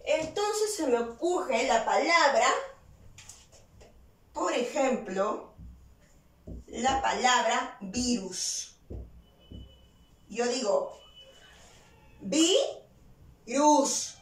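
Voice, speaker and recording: A woman teacher giving a virtual class. She explains slowly and deliberately, asking questions and then answering them herself. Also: on the high side, lively intonation, far from the mic. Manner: slow, deliberate explaining with stressed key words. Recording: roomy echo, voice set back from the mic.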